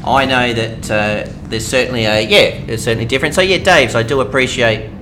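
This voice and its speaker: A man's voice: medium pitch, a little fast, music in the background. A man with an Australian accent giving casual, rambling let's-play commentary as a game streamer. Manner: chatty, rambling, many fillers. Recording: noisy home stream audio.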